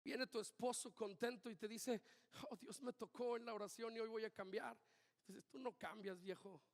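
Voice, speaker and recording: Animated high-voiced preacher. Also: male voice, moderate pace, vocal fry. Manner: animated preaching, shifts from shouting to quiet asides. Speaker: pastor. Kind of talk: sermon. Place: church hall. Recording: long hall reverb.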